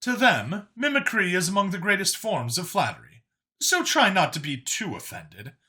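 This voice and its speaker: A man with a bright, forward, slightly high voice narrates scripted science fiction, playing an alien official giving a briefing. His pitch swings widely between phrases at a normal speed, and his delivery stays wry and expository.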